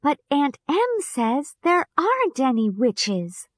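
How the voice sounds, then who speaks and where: A woman voicing a curious, polite young girl in a storybook reading, with a higher, eager lilt. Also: wildly swooping pitch, slow pace, no room sound, full character voice.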